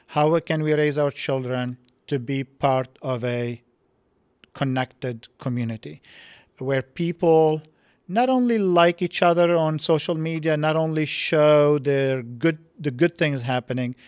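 A physics professor from Lebanon, appearing as a podcast guest, speaks in a medium-pitched, reflective voice that halts and restarts often during casual interview talk. He's recorded dry through a boom mic on a stand in a studio set hung with dark curtains.

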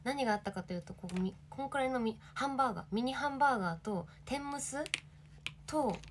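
A woman's voice: a little high, animated, fast, noisy background. A young woman in her twenties, an idol livestreaming, chatting casually and reading viewer comments with giggly, bubbly energy.

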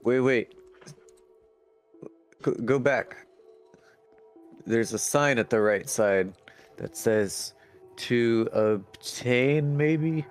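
A man's voice: medium pitch, extremely slow, pauses often. A man co-hosting a let's play, sarcastically commenting and reading in-game text aloud. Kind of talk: casual gameplay commentary. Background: game music.

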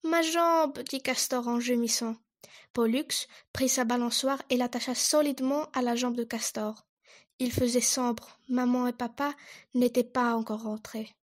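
Woman, reading a children's picture book aloud, high pitch, expressive, lively narration. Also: moderate pace. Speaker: reader.

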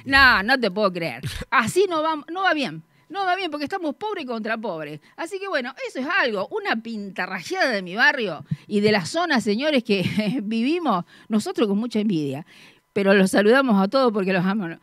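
Lively high-voiced woman. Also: moderate pace, no room sound. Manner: chatty street slang, frequent "¿viste?" asides. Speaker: comedian guest. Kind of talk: comic character monologue.

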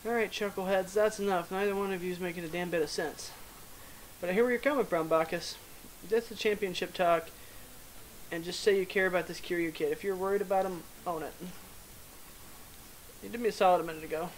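A woman's voice: lowish voice, fairly even intonation, a little fast, long pauses, slight background noise, close to an everyday voice, rough recording. A woman voicing a tough, no-nonsense female fight trainer in a video game, talking blunt and bossy.

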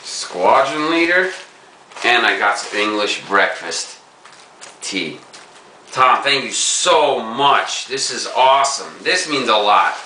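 A young man talking casually and crudely in an unboxing vlog, excitable and swearing freely. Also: medium pitch, slow, distant mic, a little hiss or hum. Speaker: pipe-smoking video blogger. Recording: echoey room, from off-mic.

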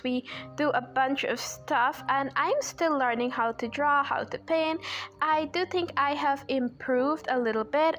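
A young Guyanese woman who hosts an art channel sits at a desk indoors, drawing while chatting casually and poking fun at herself about her art supplies. Her voice is high and fairly bright, and an overhead camera films her hands.

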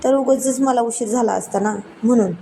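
A woman voicing an affectionate young husband who coaxes and pleads softly with his wife. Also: fairly high pitch, normal speed, slight background noise, lightly acted. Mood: coaxing.

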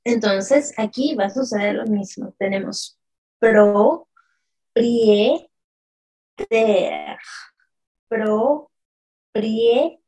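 A woman teaching a live online French lesson, modelling words slowly and repeatedly and answering viewers from the chat by name. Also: medium pitch, a little mellow, husky, poor audio.

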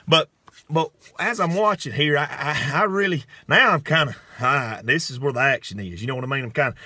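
Folksy male storyteller, bright voice, dry close sound. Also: on the high side, slightly rough, no echo. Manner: folksy, drawn-out, frequent "okay?" asides. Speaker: host. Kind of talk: comedic storytelling monologue.

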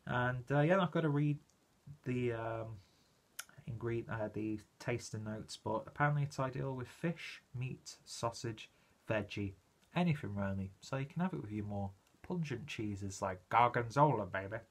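The voice is mid-range and a little slow, belonging to a British man reviewing beer for his own video channel. He keeps it casual and rambling, chatty and self-deprecating throughout.

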